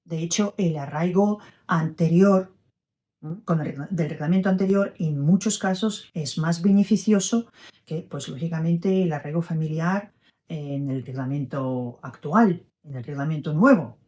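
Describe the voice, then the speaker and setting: Female lawyer, warm, mellow tone, measured delivery, adds clarifications. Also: deep voice. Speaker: immigration lawyer. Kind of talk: explanatory conversation.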